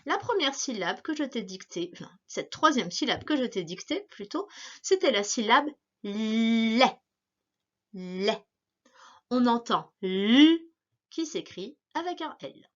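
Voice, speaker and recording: Teacher lady reading a dictation to kids, slow and singsong, a bit high, dull lo-fi sound. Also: sing-song. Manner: slow, carefully articulated, repeating each word. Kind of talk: dictation lesson for young pupils.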